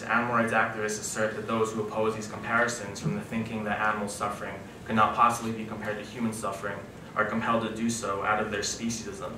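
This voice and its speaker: Slightly breathless, altitude-sick young man, echoey room. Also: fairly low pitch. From New York. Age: young adult. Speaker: student presenter at an academic conference. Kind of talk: reading a prepared academic paper. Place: wood-panelled conference room, indoors. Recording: echoey room, distant mic, background noise.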